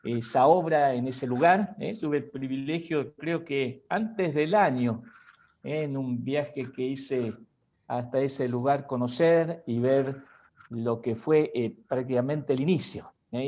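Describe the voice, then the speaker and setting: A man introducing speakers at a church missionary conference, halting with frequent tag questions. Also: medium pitch, animated, darkish tone, dull audio. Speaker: pastor.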